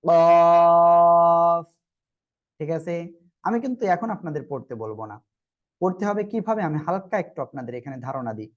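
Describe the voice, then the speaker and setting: A Quran teacher runs an online group class, sounding out each letter slowly and asking the students to repeat it together. The voice sits at a mid pitch. It comes through muffled, lo-fi call audio. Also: very animated.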